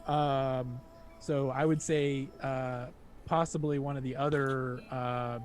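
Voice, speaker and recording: A man's voice: mid-range voice, level tone, takes it slowly, slight background noise. A young man running a tabletop game as game master, laid-back and joking, with lots of fillers.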